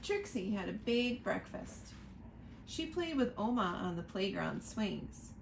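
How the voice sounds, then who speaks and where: A woman reading a picture book aloud to children, slow and expressive, pointing out the pictures as she goes. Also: medium pitch, creaky, slight background noise, poor audio. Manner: slow, expressive storytime reading, asking listeners to look at pictures.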